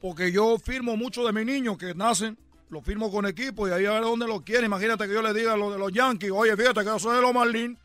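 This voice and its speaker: A man's voice: sits high, fast talker, dry recording, faint music behind. A man playing a brash Cuban ballplayer. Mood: rambling. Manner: loud, boastful, rambling with many repeats. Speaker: comedy character on radio. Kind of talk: comedic radio bit.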